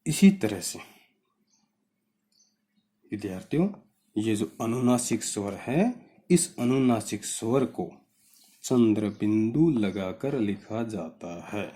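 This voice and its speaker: Male teacher, slow deliberate delivery, very dark tone, patient explainer who quizzes his class. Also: on the low side, expressive. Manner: patient, explaining step by step, asks students questions. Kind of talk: Hindi grammar lesson.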